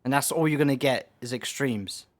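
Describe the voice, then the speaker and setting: Dude streaming a game, rambly and sweary, dry sound. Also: male voice, medium pitch, brisk, no echo. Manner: rambling, profane, many restarts. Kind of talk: casual rant on stream.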